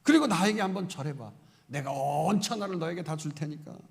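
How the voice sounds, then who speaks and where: A preacher voicing a smug, tempting devil who coaxes and mocks. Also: male voice, a little high, expressive, brisk, lightly acted. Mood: coaxing. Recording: reverberant church hall.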